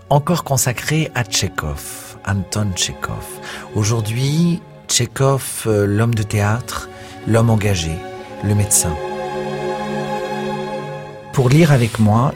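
Lively man hosting a reading show. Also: fairly low pitch. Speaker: radio host. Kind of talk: reading literature aloud and presenting.

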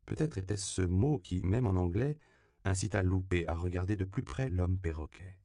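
A man reading a novel aloud as a narrator in a measured, even manner. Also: low voice, gravelly, no room sound, studio quality. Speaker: audiobook narrator. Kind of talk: scripted narration.

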